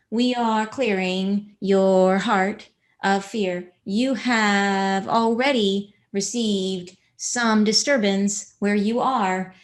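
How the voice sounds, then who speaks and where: Speaking as a collective, a medium-pitched woman channels a spiritual message slowly, in a measured and solemn way.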